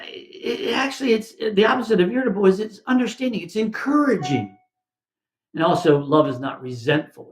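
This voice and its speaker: Gravelly-voiced chaplain man preaching. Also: on the high side, reverberant. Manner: conversational, with many restarts and quoted asides. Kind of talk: devotional sermon.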